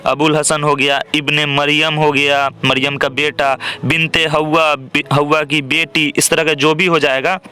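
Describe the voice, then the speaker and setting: A man's voice: on the high side, level tone, a little slow, few pauses, sharp tone, clear, resonant tone. A young man teaching an exam-prep grammar lesson, explaining step by step and often checking in with "theek hai".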